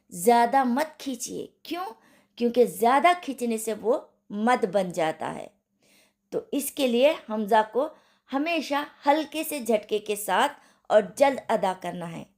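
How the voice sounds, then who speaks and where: A woman teaching Quran recitation in an online lesson, patiently repeating each syllable for practice. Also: high-pitched. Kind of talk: slow online tajweed lesson.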